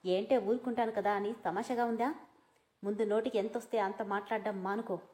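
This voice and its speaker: A woman voicing a hot-tempered, sharp-tongued young man who scolds angrily. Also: mid-range voice, fairly even intonation, a little fast, voice pushed down, natural voice. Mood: furious. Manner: angry, scolding.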